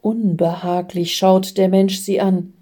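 A woman calmly reading aloud a spiritual story in a measured, even way. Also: medium pitch, husky. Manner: slow, calm, measured reading.

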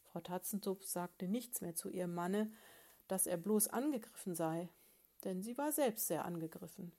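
A woman reading a children's story aloud in a calm, even storytelling manner. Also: fairly low pitch, normal speed.

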